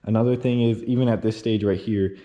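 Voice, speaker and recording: On the low side and a little fast, this man's voice comes through dull audio as he times a car engine in his garage. He's a car repair vlogger in a casual how-to tutorial, calmly explaining each step and talking right to his viewers.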